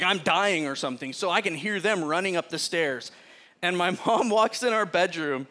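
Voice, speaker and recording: Bright-voiced, lively man preaching. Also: high-pitched. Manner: animated, chatty storyteller who often laughs mid-sentence. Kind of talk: casual sermon with personal storytelling.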